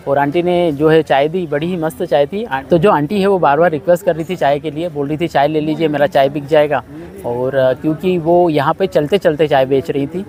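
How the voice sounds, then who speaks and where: Indian man, travel vlogger, slightly high voice, rambling chatty delivery, outdoors, faint music behind. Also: darkish tone. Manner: chatty, rambling, frequent fillers. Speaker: travel vlogger and yoga teacher. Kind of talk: casual travel vlog narration. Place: outdoors by a lakeside ghat.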